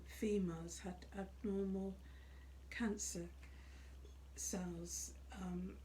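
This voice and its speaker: A middle-aged or older woman speaking off the cuff as a psychic, in an earnest, emphatic way with deliberate, repeated phrasing. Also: medium pitch, mellow, slight background noise, poor audio. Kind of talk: unscripted spoken monologue on spiritual life.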